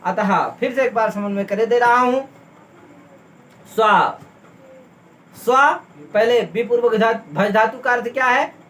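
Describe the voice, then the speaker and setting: A Sanskrit teacher explains a text during a classroom lesson, going through terms one at a time and repeatedly checking that his students follow. His voice is high-pitched with a fairly bright tone, and there's a slight hiss or hum in the recording.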